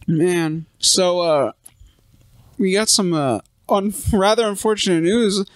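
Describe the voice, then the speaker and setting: A man hosting a casual podcast, joking and telling quick stories with plenty of swearing. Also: high-pitched, dry recording. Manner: joking, profane, storytelling. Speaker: podcast host.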